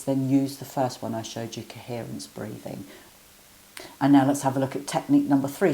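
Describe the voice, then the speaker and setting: A woman teaching guided breathing exercises in a gentle, encouraging, step-by-step way. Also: extremely low pitch, gravelly, poor audio.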